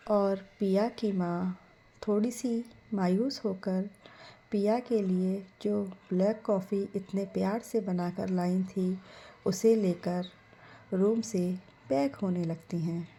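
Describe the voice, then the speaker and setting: A woman storyteller with a gentle, unhurried delivery. Her voice is soft and mellow, and she talks slowly, speaking directly to her listeners. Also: mid-range voice, steady tone, husky. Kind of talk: scripted story narration.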